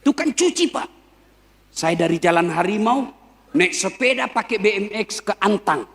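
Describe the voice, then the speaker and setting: A male preacher, giving a lively, joking sermon and speaking directly to a live crowd. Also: high-pitched, normal speed, creaky. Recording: long hall reverb.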